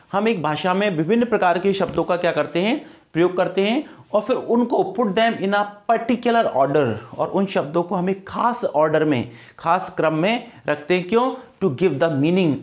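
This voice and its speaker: A man teaching English grammar for exam prep, mixing Hindi and English, with an Indian accent. He asks his class questions and answers them himself, and he drills pronunciation. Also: high-pitched.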